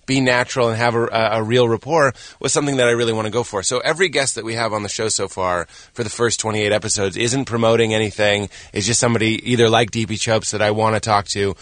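Chatty comedian, dry studio sound. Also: male voice, on the low side, no room sound. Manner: animated, self-mocking, laughs often, quick rambling asides. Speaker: comedian guest on a radio show. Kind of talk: casual radio interview chat. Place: radio studio. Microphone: studio microphone.

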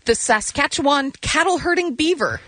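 A woman's voice: sits high, animated, moderate pace, fairly bright tone, no echo. A woman co-hosting a radio show with casual comic banter. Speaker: radio co-host.

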